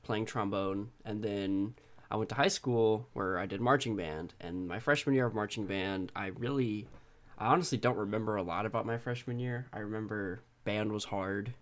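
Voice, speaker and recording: A man's voice: lowish voice, normal speed. A young man from Texas co-hosting a podcast, telling personal stories in an informal, laid-back way. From Texas, United States. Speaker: podcast co-host. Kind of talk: casual personal storytelling.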